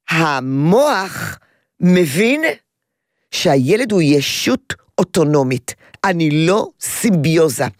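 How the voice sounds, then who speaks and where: An older woman speaks into a studio microphone, the sound dry and close. She hosts a call-in advice show as a child therapist. She explains things in a lively way and often slips into the voices of the children she describes. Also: sits low, no echo. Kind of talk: call-in radio advice talk. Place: radio studio.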